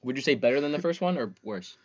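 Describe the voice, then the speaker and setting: Young guy chatting about movies, bouncy pitch, kinda muffled lo-fi audio. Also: fast. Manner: animated, reads movie titles off a list. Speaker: podcast co-host. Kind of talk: casual chat about movies.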